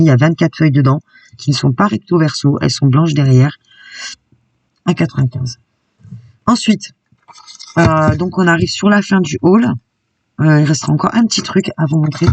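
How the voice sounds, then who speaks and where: A woman's voice: deep voice, a little mellow, slightly rough, no room sound, far from the mic. A woman YouTuber chatting enthusiastically through a casual shopping haul vlog. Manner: chatty and enthusiastic, peppered with "hein". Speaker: craft YouTuber.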